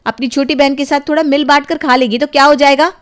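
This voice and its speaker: Brief: woman doing a high-voiced, exasperated cartoon mom who scolds nonstop. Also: steady tone, fast talker, close to an everyday voice. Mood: scolding. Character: strict, quick-tempered young mother. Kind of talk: cartoon voice acting.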